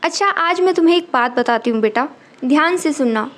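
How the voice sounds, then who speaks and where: A frustrated young wife and mother who answers her husband with sharp reproach, voiced by a woman reading a storybook. Her voice is high and light. It stays close to the narrator's own plain tone. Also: lively intonation, a little fast. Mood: gentle.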